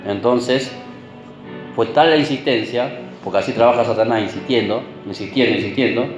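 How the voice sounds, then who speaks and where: A man's voice: medium pitch, normal speed, roomy sound, soft background music, rough recording. A man preaching a sermon. He keeps checking in with the congregation through short tag questions and repeats words for emphasis.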